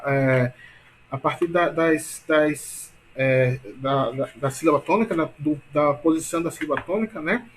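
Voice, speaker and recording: A man with a fairly high voice gives a grammar lesson over the internet from his computer, with a bit of background noise. He explains patiently, repeats himself, fills gaps with fillers, checks in through tag questions, and slows way down on important words.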